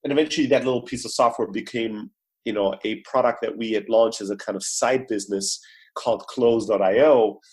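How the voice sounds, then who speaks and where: A man's voice: fairly low pitch, steady tone, a little fast, a little mellow, breathy edge. A man from Greece, a startup CEO, speaking as a guest in a podcast interview over a remote call, telling his story with energy and plenty of fillers.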